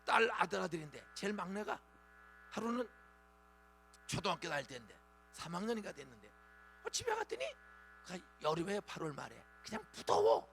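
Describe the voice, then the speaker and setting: A man in his sixties preaches in a church, high and gravelly, his pitch leaping and falling. He talks in a bright, forceful voice and keeps prodding the congregation with quick questions. Faint music sits behind him. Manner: animated preaching with call-and-response prompts. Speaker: pastor. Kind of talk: dawn revival sermon. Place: church sanctuary.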